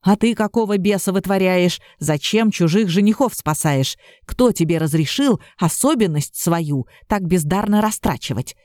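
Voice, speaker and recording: A gruff, grumbling male serpent, as a woman reader puts him on, pitched far below her own voice. He scolds and hisses his warnings, mellow and dark in tone, heard close and dry. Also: expressive, normal speed, hardly any pauses, no room sound, natural voice. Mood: scolding. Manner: scolding, hissing threats. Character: gruff male serpent guardian, grumpy and protective.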